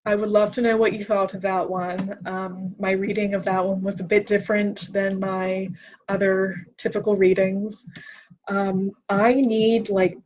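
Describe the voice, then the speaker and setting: A woman hosting a casual livestream, reading philosophy aloud and chatting in a slow, self-deprecating way, a little tipsy. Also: medium pitch, flat delivery, a little mellow. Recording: dull lo-fi stream audio.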